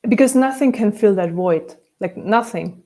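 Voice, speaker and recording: Mellow-voiced woman, reflective. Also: medium pitch, normal speed. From Austria. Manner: thoughtful, with frequent restarts. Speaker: spiritual teacher and guest. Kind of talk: reflective interview conversation.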